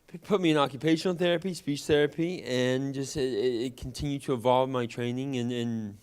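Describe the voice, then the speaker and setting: A young man from Louisiana, a guest actor, telling personal stories in an animated way and acting out childhood conversations. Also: mid-range voice, fairly quick, clear, resonant tone. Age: young adult. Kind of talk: personal storytelling.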